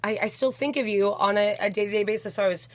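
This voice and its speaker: A woman in her thirties with a tired, raspy smoker's voice, chatting casually. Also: medium pitch, steady tone, fast talker, dry recording. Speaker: bartender, podcast guest. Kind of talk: casual chat.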